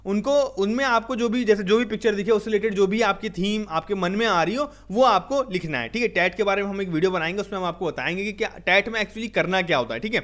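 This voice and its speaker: A man's voice: sits high, quick pace, few pauses, a bit bright. A man from India coaching viewers for an exam, talking through slides in Hindi mixed with English. He explains step by step and ends many lines with "theek hai".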